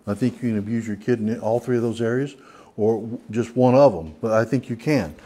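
A man with a Southern US accent leads an informal church Bible study. His voice sits at an ordinary middle pitch, and he talks in a folksy, rambling way, circling back with restarts and fillers. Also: brisk, dark tone. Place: church hall.

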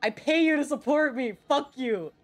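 A woman's voice: high voice, moderate pace. A young woman streaming a game, swearing often and bantering in exasperation with her chat. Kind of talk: casual gameplay streaming.

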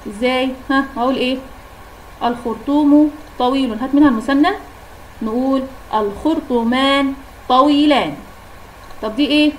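High-voiced Egyptian woman teaching grammar. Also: slight background noise, low-quality recording. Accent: Egyptian Arabic. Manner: asks questions then answers them, repeats examples slowly. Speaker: primary school Arabic teacher. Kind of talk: classroom grammar lesson.

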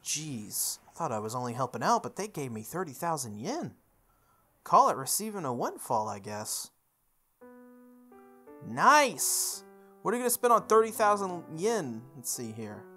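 Here a let's play host voices a visual novel's game text in character, breaking in between lines to chat jokingly with viewers. The medium-pitched voice sounds pushed and bright, very animated yet unhurried, with soft music underneath.

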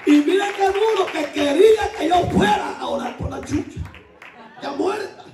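A male pastor preaching a sermon to his church, animated and joking as he tells stories. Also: extremely high pitch, moderate pace, echoey room, far from the mic, over music, crowd noise. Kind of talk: Pentecostal sermon. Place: church hall.

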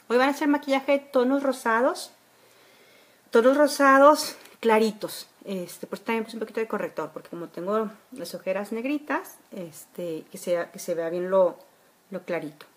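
A woman, chatting casually through a makeup tutorial at home, with a lot of filler words. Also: mid-range voice. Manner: chatty, homely, many fillers. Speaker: beauty vlogger. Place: bedroom at home. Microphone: phone camera at arm's length.

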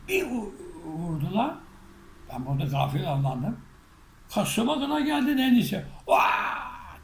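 Creaky, high-pitched man telling a story. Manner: animated storytelling, acting out shouts and quotes. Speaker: spiritual teacher. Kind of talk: recounting a personal story. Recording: echoey room with faint noise.

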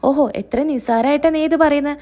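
A woman's voice: high voice, quick pace, mellow, natural voice. A woman voicing a stern grandmother who scolds her family in a reproachful way. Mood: scolding.

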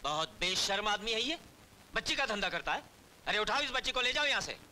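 A contemptuous rich businessman, curt and commanding, his high voice hard and bright. There is a faint hum of background noise behind him. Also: very animated, brisk, full character voice. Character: stern wealthy male businessman, contemptuous. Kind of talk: 1990s Hindi film drama.

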